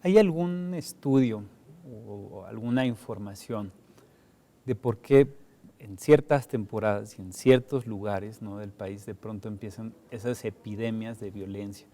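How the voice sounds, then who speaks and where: A Mexican man with a low, mellow voice, moderating a television studio panel. He talks in a relaxed, conversational way and keeps tagging his questions with a questioning "no". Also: unhurried. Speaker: host.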